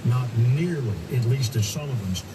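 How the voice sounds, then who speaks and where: A man's voice: mid-range voice, expressive, normal speed, distant mic, heavy background noise. A man anchoring live breaking storm news coverage, talking partly off the cuff.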